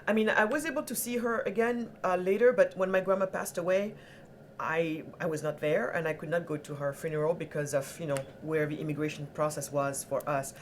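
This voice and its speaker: A woman from Senegal, a guest entrepreneur, telling her life story in an animated, earnest conversational way. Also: sits low, brisk, slight background noise. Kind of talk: conversational interview.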